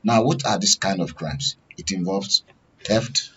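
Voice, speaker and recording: A man with a Nigerian accent analyzes the news as a radio and TV studio guest, posing questions and answering them. His low voice is pushed and bright, and his pace is measured. The broadcast sounds dull and lo-fi, with slight background noise.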